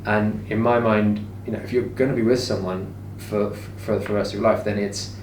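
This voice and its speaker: A business owner co-hosting a casual conversation explains his views conversationally. His voice is fairly low and a little mellow, with a flat delivery at normal speed. The recording has an echoey room, a distant mic, and background noise.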